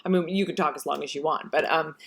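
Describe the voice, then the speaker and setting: A woman's voice: low voice, steady tone, fast talker, slight background noise. An American woman hosting a casual chat with an author, talkative and storytelling, with frequent "um"s. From United States. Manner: chatty, many fillers, tells stories. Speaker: host interviewing an author.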